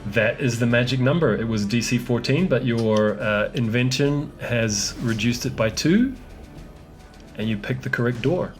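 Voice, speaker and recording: A man narrating as game master of a tabletop game, relaxed and often laughing, with halting restarts. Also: mid-range voice, soft background music.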